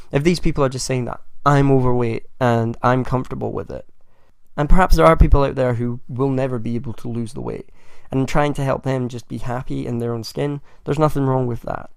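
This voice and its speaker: Gravelly man with a gruff voice. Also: medium pitch, darkish tone, dry recording. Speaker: channel host. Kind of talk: opinion commentary to camera.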